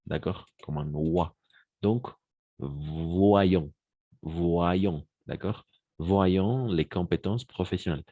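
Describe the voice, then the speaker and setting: A man with a very low voice, teaching French to Spanish-speaking learners. He speaks slowly and deliberately, repeats key phrases and switches into Spanish to explain them. His voice sounds dry and close to the mic. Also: mellow, no echo, lo-fi sound.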